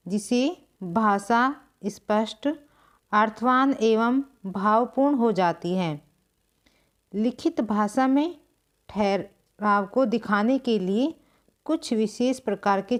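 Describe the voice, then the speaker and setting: Woman teacher, slightly high voice, very slow and patient with long pauses, step-by-step grammar lesson. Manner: unhurried, explains step by step with pauses; clears throat now and then. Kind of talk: slow board-writing lesson.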